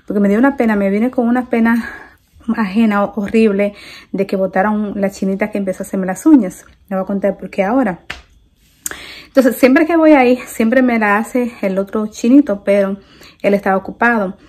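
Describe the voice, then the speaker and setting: A woman's voice: medium pitch, fairly quick, darkish tone. A young woman with a Dominican Spanish accent, telling a story in a chatty vlog and repeating phrases for emphasis. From Dominican Republic. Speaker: vlogger.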